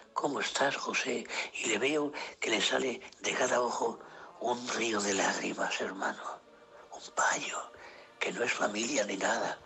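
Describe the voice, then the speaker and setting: A man preaching an emotional sermon, sinking into hushed whispers and rising into high cries. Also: gravelly. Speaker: pastor.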